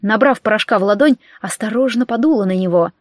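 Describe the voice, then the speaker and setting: A woman giving a lively, expressive first-person audiobook narration with dramatic delivery. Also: mid-range voice, fast talker, no room sound. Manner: lively, dramatic reading with voiced characters.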